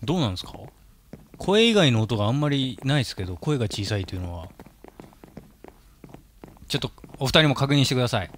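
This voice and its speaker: A man's voice: mid-range voice, big pitch swings, fast talker, pauses often, a little hiss or hum. A young man hosts a live game stream, chatting in an easygoing way with two friends. He keeps things moving and checks on the sound as he goes. His voice sits in the middle of the range. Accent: Japanese. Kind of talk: live gaming chat.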